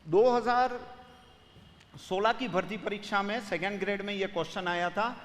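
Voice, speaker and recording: A man's voice: high voice, fairly even intonation, normal speed, a bit bright, long reverb tail, slight background noise. A man teaching grammar for an exam, explaining step by step and putting students' questions to himself. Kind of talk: exam-prep lecture solving questions.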